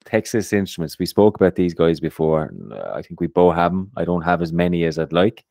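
Male host, very low register, easygoing chat with restarts, dry. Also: fairly quick, vocal fry, no echo. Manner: relaxed, often repeats his first words. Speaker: podcast host. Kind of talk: casual investing chat.

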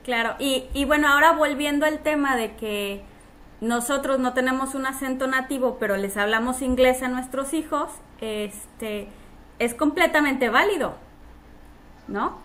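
A woman hosts a relaxed podcast interview. Her voice sits high, and she speaks in a friendly, chatty way, dropping filler words as she goes. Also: unhurried. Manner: friendly, uses fillers like "este", laughs often. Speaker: podcast host. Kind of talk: casual interview.

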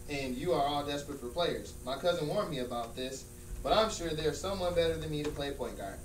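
Echoey, far-off room. Male actor as smug friend, mocking and fed up, higher-pitched, comedy sketch. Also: close to an everyday voice. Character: exasperated, smug friend of a basketball coach. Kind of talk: acting class comedy scene. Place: large room with small stage, indoors. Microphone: far camera. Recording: distant, echoey room with hum and noise.

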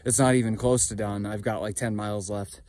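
Out on a mountain trail during a long-distance hike, a young man talks casually to the phone camera he holds at arm's length, mocking himself wryly. He speaks fairly quickly in a lowish, darkish voice with fairly even intonation, and there's no echo.

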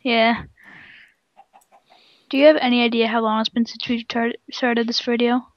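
A woman playing along in a casual game session, narrating her own moves with quick alarmed exclamations. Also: on the high side, little pitch movement, no room sound, highs cut off. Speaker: co-player. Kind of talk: casual gameplay chat.

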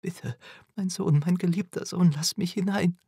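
A man's voice: on the high side, moderate pace, vocal fry, husky, dry recording, clean studio sound, pitched above the performer's own voice, full character voice. A man playing a pleading, desperate mother. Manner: pleading, sobbing, stammering. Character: frightened grieving mother, woman pleading with son. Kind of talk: audiobook character voice.

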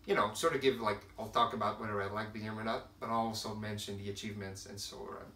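Talking fast in a lowish, bright, forceful voice with fairly even intonation, a young man from Quebec, Canada, a native French speaker, hosts his channel casually to camera, using many fillers and restarts as he searches for words. The home room around him has shelves of films and games; captured by a camera at a distance, the audio is roomy with faint hiss.

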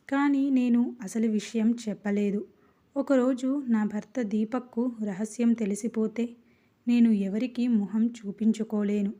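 A woman narrating a first-person life story in a steady, earnest storytelling manner. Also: on the high side, highs cut off.

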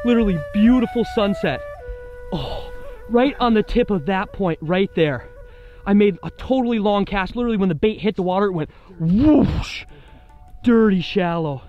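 A man's voice: sits high, moderate pace, lo-fi sound, soft background music. Chatty young man vlogging from a boat. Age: young adult. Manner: excited, chatty, lots of "like" and "literally". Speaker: fishing vlogger. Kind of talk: casual vlog narration. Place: outdoors on a boat on a lake. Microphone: action camera at arm's length.

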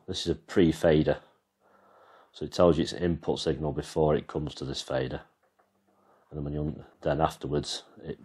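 A man's voice: very deep voice, a little mellow, husky. An English man casually walking through his band's sound mixer, rambling and explaining as he goes, filming on a handheld camera. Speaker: vlogger and band musician. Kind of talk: casual walkthrough demo. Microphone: handheld camera, freehand.

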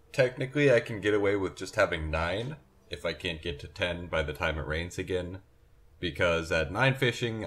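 Narrating his farming game, a young man sounds sleepy, yawning and wandering off track before fixing what he said. His voice is low with a bit of brightness to it.

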